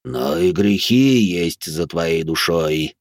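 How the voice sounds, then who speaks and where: A man voicing a male lizardfolk guard with a deep, thunderous, otherworldly voice, speaking slowly and solemnly. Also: lively intonation, dry recording, clean studio sound, exaggerated voice. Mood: stern. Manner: solemn, slow and weighty.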